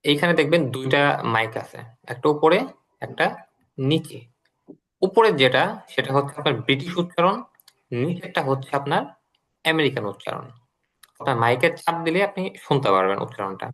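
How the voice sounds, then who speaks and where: A man's voice: medium pitch, expressive, brisk, long pauses, a bit bright, low-quality recording. A man teaching an online English class, explaining patiently and repeating drills for students.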